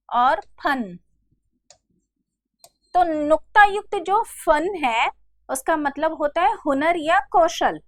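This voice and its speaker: High-voiced woman teaching grammar patiently. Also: dry recording, clean studio sound. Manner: patient, addresses students as "beta", repeats examples slowly. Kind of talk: online grammar lesson over slides.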